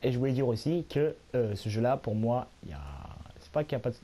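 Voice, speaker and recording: A hoarse young man, a little sick, giving rambling, self-mocking commentary while he plays a video game at home. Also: medium pitch, fast, mellow, a little hiss or hum. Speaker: gaming YouTuber. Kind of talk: casual let's-play commentary.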